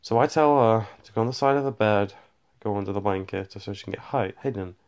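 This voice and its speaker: Holding his phone to record, a male vlogger tells a rambling personal storytime, often skipping details with "blah, blah, blah." His lowish voice is brisk, with a darkish, clear and resonant tone.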